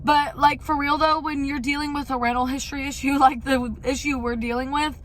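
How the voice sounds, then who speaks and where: Young female vlogger, high voice, candid rambling chat, background noise. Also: steady tone, brisk, fairly bright tone. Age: young adult. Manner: candid, rambling, mild swearing. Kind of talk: casual chatty life-update vlog.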